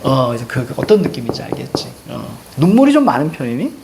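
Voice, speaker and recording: A man's voice: medium pitch, fast talker, gravelly, background noise. A male teacher giving a classroom lecture, telling stories with jokey asides. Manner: animated storytelling, jokey asides.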